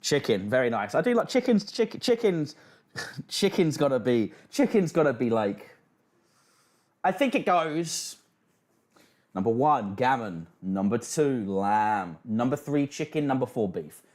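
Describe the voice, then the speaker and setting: A man's voice: mid-range voice, sing-song, unhurried, a little mellow. A British man hosting a casual livestream, reacting and reading out chat with sweary, mocking banter. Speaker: livestream host.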